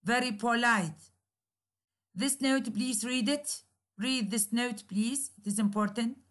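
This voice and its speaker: Slow, repetitive woman lecturing on grammar. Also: a little high, a bit bright. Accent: Iraqi Arabic. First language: Arabic. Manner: slow, repeats key phrases and example sentences. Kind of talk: recorded university lecture.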